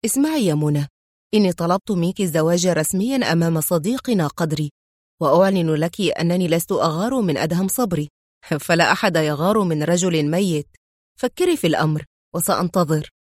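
A woman voicing a calm, self-assured young man who speaks with teasing confidence in an audiobook. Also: on the low side, brisk, dry recording, clean studio sound, voice pushed down, close to an everyday voice. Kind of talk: audiobook character reading.

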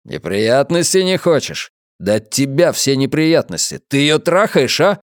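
A man's voice: medium pitch, big pitch swings, a little slow, no echo, studio quality. A man voicing a jealous, hot-headed police officer in an audiobook, angry and crude. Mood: furious.

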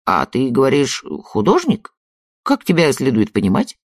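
Man doing old country father, gruff, preachy, folksy, lively swings in pitch, dry close sound. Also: normal speed, no room sound. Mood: probing. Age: older. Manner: folksy, lecturing, plain-spoken. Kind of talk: audiobook character reading.

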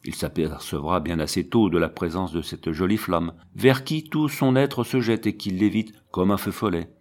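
A man reading a classic novel aloud as an audiobook, in a measured narrating voice. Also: deep voice. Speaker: audiobook reader.

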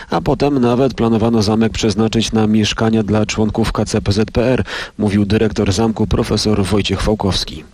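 A man reporting for radio news in a measured, matter-of-fact way. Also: fairly low pitch, darkish tone, breathy edge.

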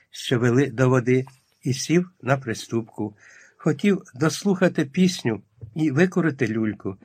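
A man narrating a literary audiobook in a calm, measured storytelling manner, with a husky voice. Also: medium pitch, dry recording, clean studio sound.

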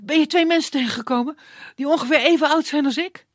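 A storyteller voicing an impatient young man who rushes and demands answers in a puppet tale. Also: very high-pitched, fairly bright tone, dry recording, clean studio sound, voice pushed up. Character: impatient hasty young man searching the woods.

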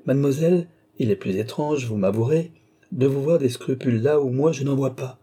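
A man's voice: medium pitch, brisk, dark tone, husky, pitched above the performer's own voice, lightly acted. A man reading an audiobook, playing a vain, scheming old baron who talks with irony and cool command. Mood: cold. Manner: ironic, coaxing, commanding.

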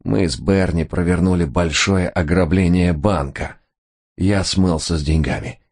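A man's voice: low-pitched, a little slow, a little mellow. A man voicing a terrified, wounded male crook who wails and pleads frantically. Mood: fearful.

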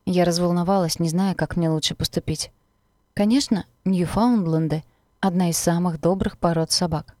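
A woman narrating a first-person novel for an audiobook, expressive and steady in her reading. Her voice sits on the low side, recorded dry and close with no room sound. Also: moderate pace, no echo.

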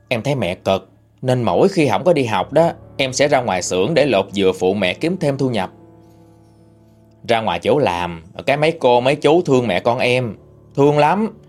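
A man narrating a first-person story in a steady recounting manner. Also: medium pitch.

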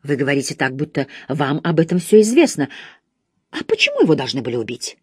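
A woman's voice: low-pitched, huge pitch swings, fast, slightly rough, dry recording, clean studio sound, heavily acted. A woman voicing a fussy, chattering elderly female companion who coos and talks down to her charge, in an audiobook reading. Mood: gossiping. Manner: cooing, patronizing, clucking.

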